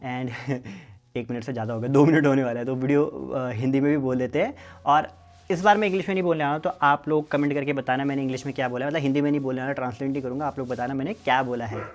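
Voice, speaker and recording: A man's voice: mid-range voice, fairly even intonation. A young man from the Uttarakhand hills, vlogging casually and talking straight to his viewers outdoors at his village home. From Uttarakhand hills, India. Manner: chatty, quick, speaks to viewers directly. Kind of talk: casual village vlog talk to camera.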